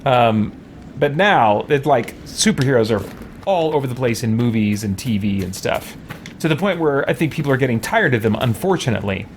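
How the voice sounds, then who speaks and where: A mid-range male voice with lively intonation, at normal speed and with a little hiss or hum, belongs to a let's play streamer. Conversational and meandering, he comments casually on his gameplay while reading chat and talking back to viewers.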